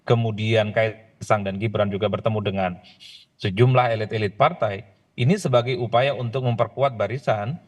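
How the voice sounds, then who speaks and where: A man's voice: on the low side, moderate pace. Man, political analyst guest, live news interview, long analytical sentences, remote link. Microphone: remote video call link.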